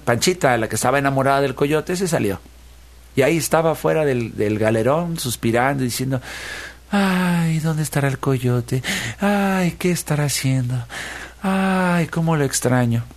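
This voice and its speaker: Playful male storyteller. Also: mid-range voice. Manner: lively, rhythmic repetition, playful. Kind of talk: animated folk-tale storytelling.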